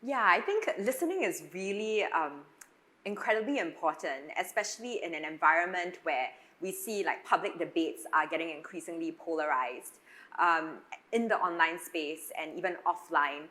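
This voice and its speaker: Low-pitched Singaporean woman, earnest and articulate. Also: expressive, moderate pace, bright, forceful tone, low-quality recording. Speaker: educator on a discussion panel. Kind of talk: panel discussion.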